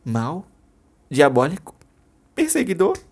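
A shrill, desperate young woman, as a storyteller puts her on, her voice leaping high into screams. She shouts in raw fury, lashing out again and again. An audiobook-style story reading. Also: wildly swooping pitch, takes it slowly, breathy edge, heavily acted. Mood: furious.

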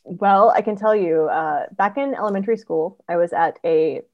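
A woman author chatting as a guest on a podcast interview, telling stories in an animated way with frequent ums. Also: on the low side, no echo, highs cut off. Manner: animated storyteller, quick asides, frequent ums. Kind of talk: casual interview chat.

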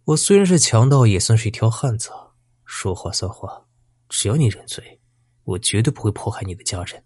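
A man with a husky voice voicing a vicious, vengeful male bandit who taunts his old teacher with menace. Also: on the low side, sing-song, a little fast, a little mellow, no echo, clean studio sound. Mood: menacing.

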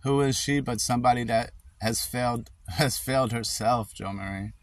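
A man's voice: mid-range voice, normal speed, no room sound. A man pleading with a case worker on a phone call, insistent and repeating her name. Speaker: father in a custody dispute.

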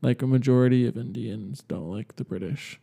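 A man's voice: medium pitch, brisk, vocal fry, mellow, slightly rough. A man co-hosting a podcast, chatting casually in a rambling, hesitant, speculative way. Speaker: podcast co-host. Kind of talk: casual chat.

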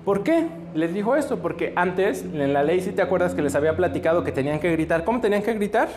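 A man's voice: high voice, lively intonation, fast talker, darkish tone, a little hiss or hum. A man telling a Bible story to children in a playful, joking way and quizzing them as he goes. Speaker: children's preacher.

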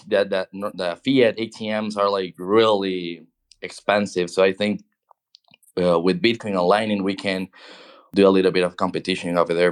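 A man with a fairly low voice talks as a guest in a relaxed interview. He restarts and repeats words often and ends his points with "right?". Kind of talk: casual interview talk.

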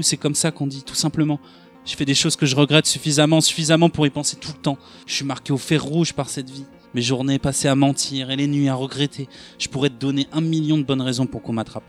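A man playing a bitter, self-loathing young street thug in a dramatic monologue, ranting in rough slang, with faint music underneath. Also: medium pitch, close to an everyday voice. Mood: remorseful.

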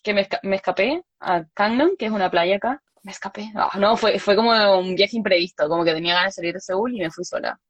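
A woman's voice: medium pitch, fast talker, hardly any pauses, breathy edge, no room sound. A young Chilean woman chatting casually, telling a story with laughs and acted-out quotes. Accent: Chilean Spanish. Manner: animated, laughs often, acts out quoted lines.

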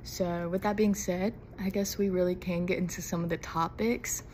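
On her debut episode, a young adult podcast host from Mississippi chats solo in a casual, rambling way, nervous and prone to giggles. She speaks on the low side at normal speed, steady and darkish in tone, with a slight hiss or hum.

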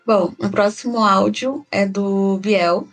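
A Brazilian woman co-hosts a podcast in casual chat, affectionate and gushing. Her voice has a gravelly fry at mid pitch. Faint music plays behind her. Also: steady tone, takes it slowly, low-quality recording. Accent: Brazilian Portuguese. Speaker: podcast co-host.

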